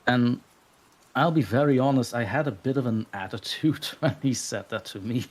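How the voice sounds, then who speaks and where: A man from Belgium, appearing as a guest story narrator, chats modestly and laughs often during a casual live stream interview. His voice is medium in pitch and moderately paced.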